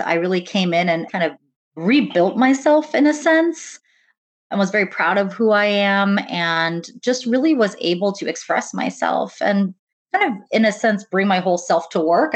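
A woman from the United States speaking in an interview about her work leading diversity and inclusion, earnest and measured, often saying "really" and "kind of.". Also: medium pitch, very animated. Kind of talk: conversational interview.

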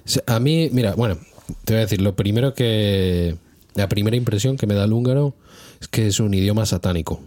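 A man's voice: on the low side, fairly quick, warm tone, no room sound, clean studio sound. A man with an accent from Spain, co-hosting a casual chat and joking through playful exaggerations with laughs in between. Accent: Spanish from Spain. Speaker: podcast co-host.

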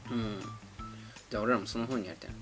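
A man's voice: fairly low pitch, fairly even intonation, music in the background. A man co-hosting a podcast, teasing his friend in casual chat. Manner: teasing, quick retorts. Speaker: podcast co-host.

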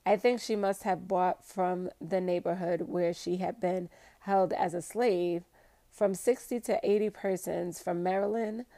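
Chatty woman reading aloud, slow and dark. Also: fairly low pitch, no room sound. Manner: excitable, chatty, stumbles over hard words. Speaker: podcast host reading a history book aloud. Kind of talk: reading aloud with casual asides.

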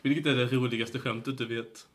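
Male podcast co-host, Blekinge dialect, medium pitch, casual joking chat. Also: fairly even intonation.

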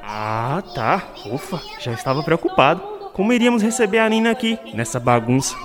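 Man playing an animated, mischievous little elf. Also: on the high side, a little fast. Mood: startled, worried. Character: excitable mischievous little elf, worried about his mess. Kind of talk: scripted children's show character acting.

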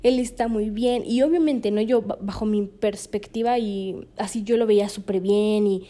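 A woman's voice: mid-range voice, moderate pace, dark tone. A young Mexican woman, a podcast host, telling a personal story in casual chat, laughing often between fillers.

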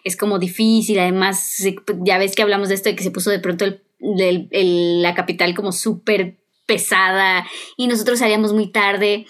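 A woman's voice: medium pitch, moderate pace. A woman, co-hosting a casual podcast chat and acting out the people she quotes. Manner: animated storyteller, acts out quotes. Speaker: podcast co-host.

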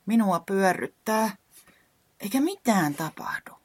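Woman doing a squeaky fretful weatherman. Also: wildly swooping pitch, breathy edge, full character voice. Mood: anxious. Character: worried grown-up weatherman, fretful and excitable. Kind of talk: storybook character voice.

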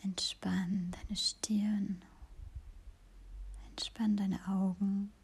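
A woman hosting a podcast, whispering a slow, soothing guided meditation. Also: medium pitch, little pitch movement, darkish tone, slightly rough.

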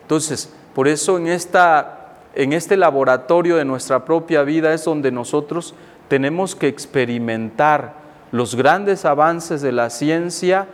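Slow-spoken friar preaching in a hall. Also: male voice, a little high. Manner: slow, reflective, acts out inner dialogue. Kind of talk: sermon reflection on scripture.

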